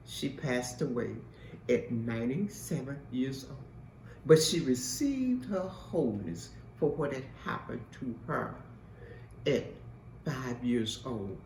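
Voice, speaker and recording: Her voice rumbling low and warm, a woman who hosts and mentors delivers an emphatic, repetitive testimony like a preacher. The echoey room is captured from afar, with slight background noise.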